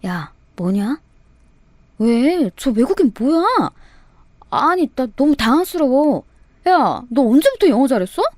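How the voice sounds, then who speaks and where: A woman voicing a flustered young female friend who fires off quick, startled questions. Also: high-pitched, very animated, a little mellow, dry recording, heavily acted.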